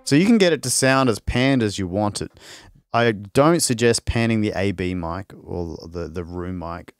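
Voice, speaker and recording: On a live stream, a man walks viewers through a string sample library, his talk loose and meandering, with restarts as he works and responds to questions. His fairly low voice is animated at normal speed, and the recording is dry.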